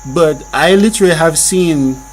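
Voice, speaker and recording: A man, a guest in a casual group discussion, talking haltingly with many fillers. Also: on the high side, a little hiss or hum, poor audio. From Philadelphia, USA. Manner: halting, full of fillers like "you know".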